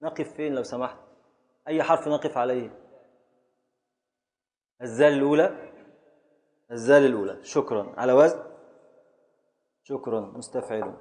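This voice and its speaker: A man with an Egyptian Arabic accent teaches a classroom of students as a sheikh, speaking at an ordinary middle pitch. He drills them on poetic meter, drawing out syllables slowly and chanting them one by one. He calls on students by name and presses them for answers. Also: darkish tone. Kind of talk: classroom lesson, quizzing students.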